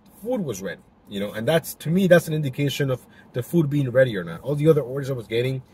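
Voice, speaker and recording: A young man vlogs from inside his moving car, talking casually into a dash-mounted camera with many fillers and restarts. His mid-range voice is fast and very animated, mellow with a breathy edge. Faint car noise can be heard.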